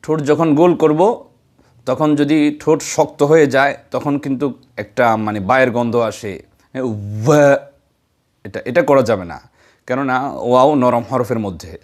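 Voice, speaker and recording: A man's voice: medium pitch, moderate pace. A man teaching correct pronunciation of Arabic letters for recitation, counting off points one by one and sounding them out as examples. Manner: methodical, counts points and demonstrates sounds aloud. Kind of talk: instructional lesson on letter pronunciation.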